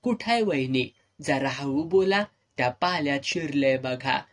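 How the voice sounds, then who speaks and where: A man voicing a timid, quick-tempered young village farmer, in a serialized audio novel. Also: mid-range voice, animated, lightly acted. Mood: tense.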